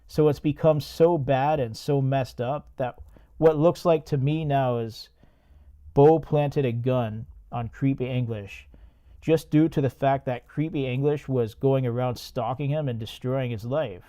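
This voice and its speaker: Unhurried and warm, this medium-pitched male podcast host talks through a movie recap with his reactions. His manner is easygoing and profane, and he laughs at what he himself says.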